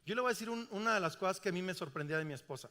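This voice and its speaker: Animated pastor preaching in a church hall. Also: male voice, high-pitched, rapid-fire. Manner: animated, asks the congregation questions. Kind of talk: sermon.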